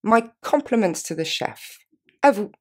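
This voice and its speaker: A woman teaching English phrases to French speakers, repeating each one slowly and then quickly. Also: medium pitch, animated, a little mellow. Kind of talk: language lesson with repeated model phrases.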